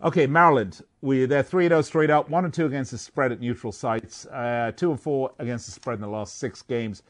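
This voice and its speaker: Male betting-show host, mid pitch, joking, stat-heavy. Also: brisk. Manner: jokey, rattles off stats. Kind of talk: casual sports betting talk.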